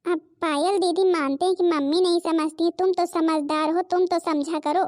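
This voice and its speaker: A woman voicing a meek young stepdaughter in an animated cartoon, pleading and tearful. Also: extremely high pitch, normal speed, no echo, studio quality. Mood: gentle.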